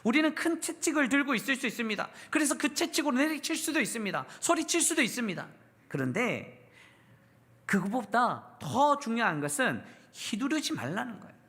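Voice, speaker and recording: Woman, pastor, sermon, lively swooping voice, asks questions, leads call and response. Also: a little high, a little fast. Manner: asks the congregation questions and has them repeat lines. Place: church service.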